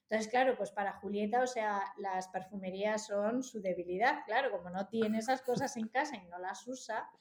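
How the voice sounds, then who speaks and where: A woman from Spain in her forties, a mother telling a family story in a lively way. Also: medium pitch, normal speed, hardly any pauses, roomy sound. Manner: animated, acts out quoted voices. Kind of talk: casual storytelling.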